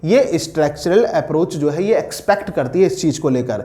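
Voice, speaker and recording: A man teaching English pedagogy for teacher exams, posing questions to his students and slowing down to dictate definitions. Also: a little high, expressive, mellow. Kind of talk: exam-prep lecture.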